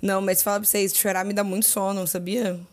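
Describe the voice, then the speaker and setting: A Brazilian woman co-hosting a casual podcast at an average pitch. She talks frankly and jokes freely, often cutting in on the others. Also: little pitch movement. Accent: Brazilian Portuguese. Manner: frank, joking, quick to interject. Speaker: podcast co-host. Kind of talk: casual chat.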